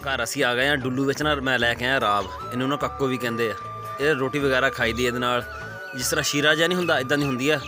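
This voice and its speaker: A man's voice: medium pitch, fairly even intonation, quick pace, over music. A young man with a Pakistani Punjabi accent, chatting and explaining as he goes in a casual village vlog. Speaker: village vlogger.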